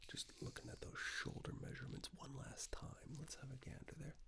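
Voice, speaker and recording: Playing a gently flattering, chatty tailor in ASMR, a man uses huge pitch swings within a breathy whisper and a low creaky murmur. He takes his time, sounding reassuring and a bit hesitant.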